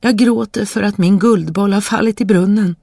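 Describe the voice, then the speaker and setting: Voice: mid-range voice, steady tone, creaky, mellow, no room sound, studio quality, voice pushed up. A reader voicing a spoiled young princess who turns petulant or eager in a fairy tale reading. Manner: petulant, eager to please when she wants something. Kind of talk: storybook reading.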